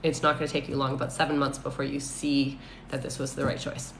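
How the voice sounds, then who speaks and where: A woman's voice: a bass voice, little pitch movement, fast talker. A woman doing psychic readings on a live stream, who calls people honey and laughs often. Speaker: psychic medium. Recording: echoey room with faint noise.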